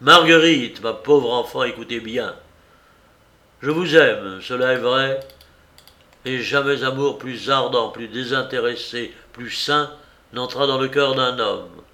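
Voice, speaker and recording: A man voicing a proud, impoverished young nobleman who pleads with earnest passion, in a slow and creaky voice. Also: mid-range voice, a bit bright. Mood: passionate. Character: poor young nobleman, proud and ardent lover.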